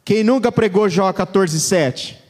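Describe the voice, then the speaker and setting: A man preaching a sermon in a church, turning from loud emphasis to hushed, low words as he reads scripture. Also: unhurried. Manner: dramatic, swings between loud and hushed low voice. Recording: long church reverb.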